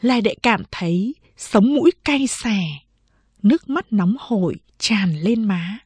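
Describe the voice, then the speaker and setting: Woman narrator, audiobook, unhurried and husky, dry close sound. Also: medium pitch, dry recording. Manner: even, measured storytelling.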